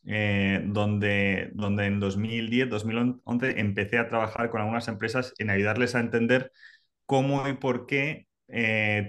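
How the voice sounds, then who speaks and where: Man Barcelona, low voice, measured expert guest on a video call. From Barcelona, Spain. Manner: measured, explanatory, with "eh" fillers. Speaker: guest consultant. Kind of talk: expert explanation.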